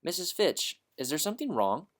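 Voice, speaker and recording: Storybook voice: man playing a caring, earnest young schoolgirl, raised and gentle. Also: on the high side, sing-song, moderate pace, voice pushed up. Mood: concerned. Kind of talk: storybook reading.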